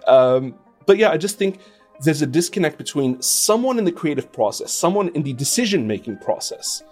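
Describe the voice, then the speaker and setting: With soft music in the background, a video game composer and radio presenter answers interview questions thoughtfully and with strong opinions, stressing his points conversationally. His voice is on the high side, a little mellow, and very animated, at normal speed.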